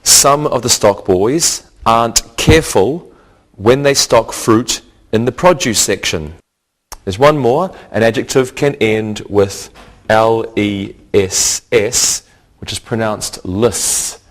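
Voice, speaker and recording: A man teaching an English lesson, spelling out word endings letter by letter and giving example sentences. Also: lowish voice. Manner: slow, deliberate, spells out letters. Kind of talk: slow classroom lesson with examples.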